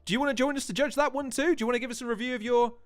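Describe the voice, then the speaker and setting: A man hosting a casual livestream chat, excitable and jokey, teasing his guests as he steers the talk. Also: very high voice, rapid-fire, dry recording. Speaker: host.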